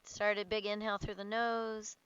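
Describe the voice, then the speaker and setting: A woman instructor guiding a warm-up yoga class outdoors, giving short cues for moves and breath in a casual, playful way. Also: mid-range voice, level tone, moderate pace, smooth, dull audio.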